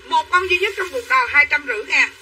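Woman hawking dresses on a live, high bright voice, kinda far from the mic. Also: lively intonation, fast talker. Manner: chatty, addresses viewers as sisters. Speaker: livestream clothing seller. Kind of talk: fast livestream sales patter. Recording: from a distance, faint room noise.

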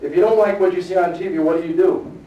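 Energetic middle-aged man in an echoey room. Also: high voice, quick pace, muffled recording. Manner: energetic, checks in with the audience often. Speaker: motivational fitness speaker. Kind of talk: motivational seminar talk. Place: seminar room before a live audience. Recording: echoey room, distant mic.

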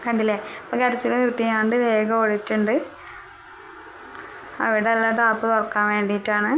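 A woman's voice: a little high, completely flat delivery, moderate pace, fairly bright tone, slight background noise, low-quality recording. Chatty young woman narrating her day. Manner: chatty, often adding a tag word at the end of a sentence. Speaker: vlogger. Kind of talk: casual voice-over narration of daily chores.

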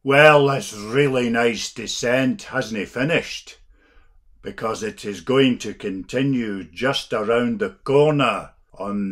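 Slow-talking man narrating a bike ride. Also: medium pitch, a bit bright, no echo. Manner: chatty, exclaiming at the trail while riding. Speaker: mountain bike vlogger. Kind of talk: casual narration while riding. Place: outdoors on hill trails.

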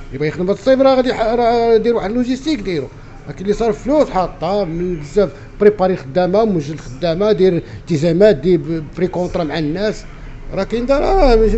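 Man, Moroccan Casablanca accent, high voice, soft-edged tone, emphatic aggrieved complaint, repetitive, handheld mic in a café. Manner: emphatic, aggrieved, repeats himself. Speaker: café owner being interviewed. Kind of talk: street interview, spontaneous complaint. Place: inside a small café, behind the counter. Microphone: handheld reporter microphone. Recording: muffled sound with faint background noise.

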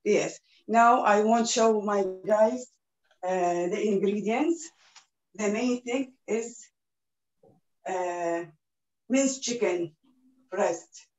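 A woman in her thirties from Iraq, speaking English as a second language with a slow, halting delivery full of pauses, introducing herself on a video call as she teaches a cooking class from her kitchen. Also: mid-range voice, darkish tone, rough recording. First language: Arabic. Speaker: home cook teaching a cookalong. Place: small kitchen indoors. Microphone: laptop video call.

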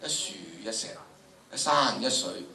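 An older, Hong Kong Cantonese-accented drama teacher lectures at a measured pace in a lowish, sharp voice with vocal fry and lively intonation. He speaks theatrically and emphatically to his students, demonstrating dramatic recitations along the way. The large indoor lecture room and distant mic leave the recording echoey and noisy.

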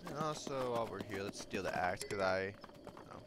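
A man's voice: lowish voice, expressive, normal speed, background noise. Laid-back young man playing a game. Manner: laid-back, laughs often, talks to himself while playing. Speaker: gameplay host. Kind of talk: casual gameplay commentary, reading game text aloud.

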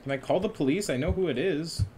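A young man streaming horror games, joking, swearing and yelling in reaction to scares. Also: fairly high pitch, fast talker, slight background noise. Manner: jokey, jumpy, swears, yells at scares. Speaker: gaming streamer. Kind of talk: casual horror game commentary.

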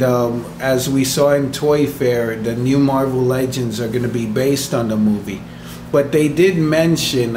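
Man, 30s, casual vlogger, rambling with fillers, phone at arm's length, hum of noise behind. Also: medium pitch. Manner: chatty and rambling, with many fillers and soft chuckles. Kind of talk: casual vlog chat. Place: small indoor room with hard walls. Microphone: phone camera held at arm's length. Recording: echoey small room, noisy background.

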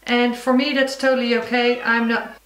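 A woman's voice: on the high side, little pitch movement, moderate pace, a bit bright, reverberant, poor audio. A woman chatting casually to her viewers as she unboxes and shows off a craft kit, describing each item and calling her audience "guys". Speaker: crafting vlogger.

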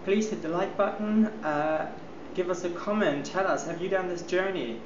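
A man's voice: sits high, moderate pace, highs cut off, noisy background. A young man chatting upbeat to viewers while holding a camera at arm's length during a bus trip. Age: young adult. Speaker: travel vlogger. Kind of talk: casual travel vlog. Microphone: handheld camera at arm's length.

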